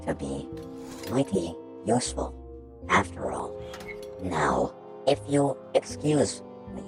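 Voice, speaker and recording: Cartoon haunted bear robot, very deep and slow, lively swings in pitch. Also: exaggerated voice. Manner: slow, heavily lowered, drawn-out delivery. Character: ghostly animatronic bear spirit, vengeful and grim. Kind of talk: fan animation voice acting.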